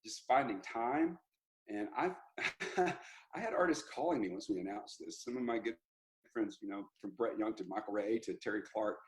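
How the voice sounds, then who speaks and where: Animated man telling a story. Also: on the low side, moderate pace, noisy background. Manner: animated, rambling with restarts and laughs. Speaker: country singer, interview guest. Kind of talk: casual interview storytelling.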